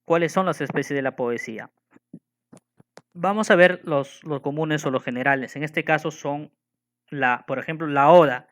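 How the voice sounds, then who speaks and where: A man's voice: fairly high pitch, normal speed, a bit bright. A man teaching a lesson on poetry, patiently repeating rules and counting syllables aloud while checking that students follow.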